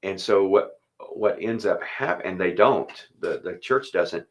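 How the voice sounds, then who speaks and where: A man's voice: low voice, measured pace. A man who is a pastor, chatting casually and thinking aloud, then leading a spoken prayer. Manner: easygoing, thinks aloud, chuckles between thoughts.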